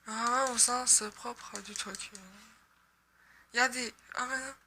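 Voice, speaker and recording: A woman's voice: a little high, fairly even intonation, slow, pushed and bright, slight background noise. A young woman with a Québécois accent from Quebec, chatting and joking casually over her gameplay, swearing when she misses. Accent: Québécois French. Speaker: gaming YouTuber.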